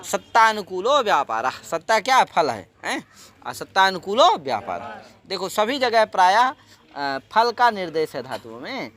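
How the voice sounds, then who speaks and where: A man teaching Sanskrit grammar in a lilt, animated, peppering students questions and chanting rules in a measured recitation. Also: high voice. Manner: animated, keeps asking students questions and answering them himself. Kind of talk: classroom lecture.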